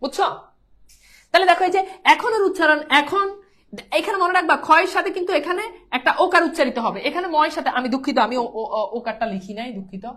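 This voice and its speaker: A woman's voice: sits high, fast, a bit bright, slight background noise. A woman teaching a pronunciation lesson, repeating herself and coaxing students to say whether they understand. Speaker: Bangla teacher.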